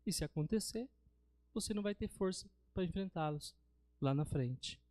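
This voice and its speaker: High-voiced Brazilian preacher. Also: male voice, expressive, moderate pace, mellow, no room sound, studio quality. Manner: storytelling, addresses listeners as brothers. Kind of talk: sermon. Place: church.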